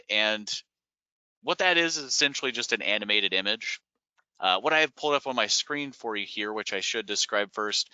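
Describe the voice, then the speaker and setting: A lower-pitched man with a strikingly bright, forceful tone, walking viewers through software features on a shared screen. His voice is smooth and crisp, and he explains patiently with easy "uh" and "um" fillers. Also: no room sound, muffled recording. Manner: relaxed and explanatory, frequent "uh" and "um" fillers. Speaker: software company staff presenting product updates. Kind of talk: webinar screen-share walkthrough.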